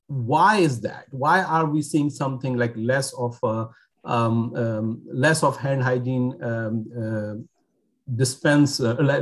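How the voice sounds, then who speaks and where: A man from Pakistan speaks as a podcast guest, pausing often with ums and uhs as he restarts his sentences. His voice sits at an ordinary male pitch. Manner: hesitant, many fillers and restarts. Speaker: physician guest. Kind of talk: podcast interview.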